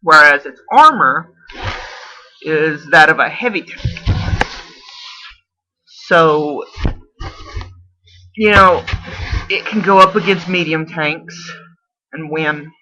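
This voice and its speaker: A man's voice: on the high side, slow pace, pauses often, pushed and bright. A man in a casual video response, explaining at length, often correcting himself and unsure of details. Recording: dull lo-fi camera audio.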